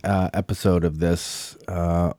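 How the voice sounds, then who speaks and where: A man's voice: deep voice, flat delivery, a little slow, mellow, a little hiss or hum. A man from Oregon hosting a casual group podcast, joking and teasing his friends. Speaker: podcast host.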